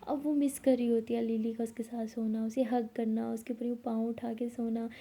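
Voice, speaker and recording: Husky-voiced woman telling a love story. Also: a little high, flat delivery, moderate pace. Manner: acts out both girls' lines in her own voice, often whispering softly. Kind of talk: casual storytelling narration.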